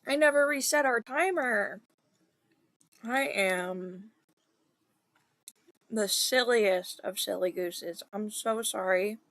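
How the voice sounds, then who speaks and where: Streaming a co-working session, a woman with a mid-range voice thinks aloud in casual, self-deprecating chat, dropping soft muttered asides.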